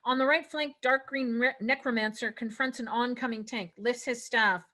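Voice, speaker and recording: This fairly high-voiced woman narrates scripted stage directions at a table read, keeping a steady, bright, forceful tone at moderate speed. Occasionally a word trips her up.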